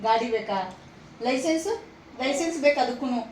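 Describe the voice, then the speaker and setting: A woman with a Kannada accent from Kalaburagi, gently coaxing and consoling a crying child in a casual family vlog. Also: high-pitched, brisk. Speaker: vlogger. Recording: echoey room, faint noise.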